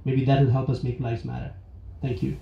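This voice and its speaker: A man from India telling a personal story live on stage, earnest and reflective, with pauses and restarts. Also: mid-range voice, flat delivery, vocal fry, heavy background noise. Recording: roomy, dull live venue recording.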